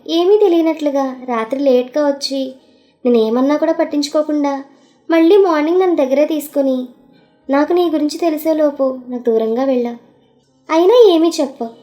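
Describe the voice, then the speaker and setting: Brief: a woman playing a pouting young wife near tears, high voice, faint music behind. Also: a little fast, warm tone, lightly acted. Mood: sulky. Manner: pouting, tearful.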